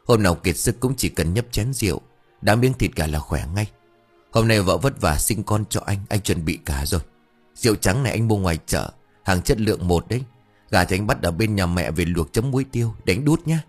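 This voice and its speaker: A man's voice: fairly low pitch, animated, a little fast, soft background music. A man voicing a scatterbrained young husband. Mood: blustering. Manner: rambling, blustering.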